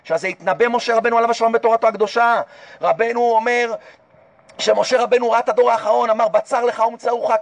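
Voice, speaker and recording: A man's voice: extremely high pitch, no room sound, far from the mic. A man giving a passionate Torah sermon as a rabbi, urging his listeners on with repeated calls and rhetorical questions. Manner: impassioned, repetitive exhortation with rhetorical questions.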